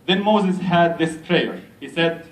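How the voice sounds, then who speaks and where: A man from Egypt, an imam giving an unhurried, gently self-mocking speech to a community gathering in a large hall. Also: fairly high pitch. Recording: echoey hall, mic at a distance.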